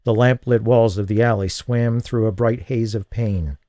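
A man giving a dramatic audiobook narration of a thriller, measured and slowing for tense beats. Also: fairly low pitch, steady tone, warm tone, dry recording. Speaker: audiobook reader.

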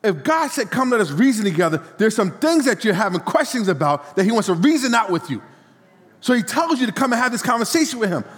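Man, pastor, sermon, call-and-response, high voice, long hall reverb. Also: sing-song, fast, fairly bright tone. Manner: preaching with call-and-response and repetition.

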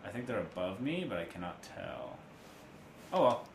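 A man's voice: lowish voice, big pitch swings, moderate pace, vocal fry. A man playing a horror game on a podcast, talking casually and wryly, jumpy and self-mocking. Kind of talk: casual let's-play commentary. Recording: echoey room with background noise.

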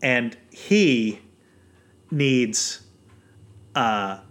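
A man co-hosting a podcast in casual chat, deliberate and hesitant, with many fillers. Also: medium pitch, animated, fairly bright tone. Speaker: podcast co-host.

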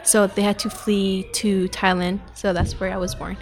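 A young woman who is a student, soft-spoken and brief as a guest on a podcast. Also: medium pitch, level tone, normal speed.

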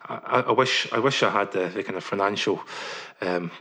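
Journalist guy, kinda husky, lowish voice, lots of ums, careful answers. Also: sharp tone. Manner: measured, many ums, careful hedging. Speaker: journalist guest. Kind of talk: interview answers.

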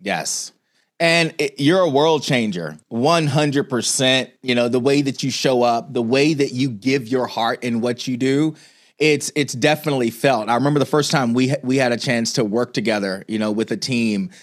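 A man's voice: mid-range voice, moderate pace. Guy hosting an interview, gushes over his guest, long winding questions, lots of "you know". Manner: praising, rambling, many "you know"s. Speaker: show host and interviewer. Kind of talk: warm, effusive interview questions.

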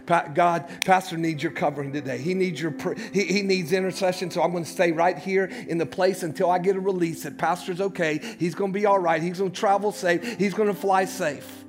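A male pastor delivers a sermon, alternating between loud shouts and quiet, low passages and repeating words as he builds momentum.

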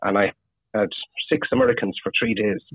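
A man with a west of Ireland, Galway accent telling anecdotes casually, in a husky, rambling, halting way with lots of "you know". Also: fairly low pitch, expressive. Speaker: fishing guide (gillie) interviewed as guest. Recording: tinny phone-like radio sound, roomy echo.

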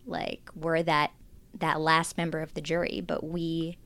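A woman's voice: sits low, little pitch movement, measured pace, a bit bright. A woman co-hosting a podcast, talking thoughtfully and explaining her ideas in detail. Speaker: podcast co-host. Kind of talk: casual academic podcast chat.

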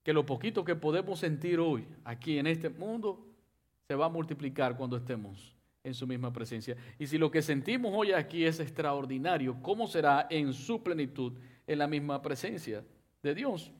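Higher-voiced man preaching a sermon. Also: expressive, normal speed. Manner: preaching, with sharp rises and drops in loudness; reads scripture aloud and addresses the congregation directly. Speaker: pastor.

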